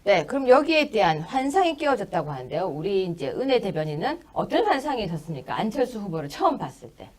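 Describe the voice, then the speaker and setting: Lively woman hosting a political talk show. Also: medium pitch. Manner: animated, laughing, quick asides. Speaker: host.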